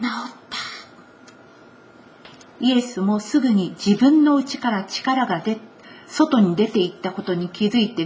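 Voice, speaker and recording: A woman preaching a conversational sermon with a Kansai accent, voicing quoted lines with shifts in pitch. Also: a little mellow, slight background noise. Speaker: pastor.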